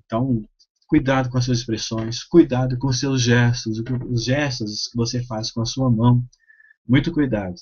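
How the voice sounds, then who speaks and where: A man, a pastor, teaching a course on preaching with a Brazilian Portuguese accent, giving measured advice with frequent hesitations. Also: medium pitch, fairly even intonation, darkish tone, breathy edge. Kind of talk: instructional talk. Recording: slightly dull, lo-fi sound.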